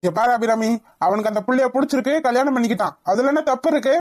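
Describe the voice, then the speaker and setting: Cartoon dad, strict head of the house, firm scolding, high for a man, voiced by a woman. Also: racing, darkish tone, natural voice. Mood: stern. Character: stern middle-aged father, head of household. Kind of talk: cartoon voice acting.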